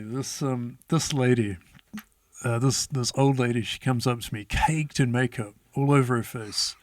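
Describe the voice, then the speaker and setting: A man's voice: mid-range voice, no room sound. A man, telling a story as an interview guest in a laid-back way, swearing often and laughing as he goes. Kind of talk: casual storytelling.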